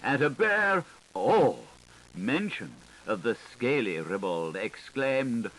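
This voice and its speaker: Reading an audiobook of literary prose, a medium-pitched man takes a slow pace and a theatrical, lilting style full of variety. The poor audio comes from a hissy 1980s tape, with a constant hiss behind him.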